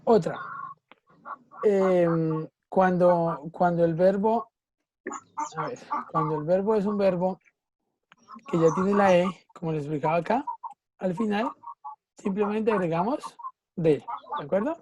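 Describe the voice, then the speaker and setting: A woman's voice: on the low side, measured pace, pauses often, warm tone, a little hiss or hum. A woman teacher, patiently explaining a grammar rule in an online class and checking often that students follow. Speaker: English teacher.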